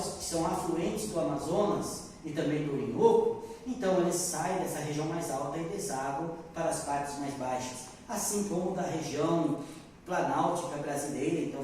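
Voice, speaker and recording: Speaking on the high side in a mellow tone, a Brazilian geography teacher walks his students through the material one step at a time and checks in with them. The recorded lesson carries a faint hiss or hum, a far-off mic, and echo from the room.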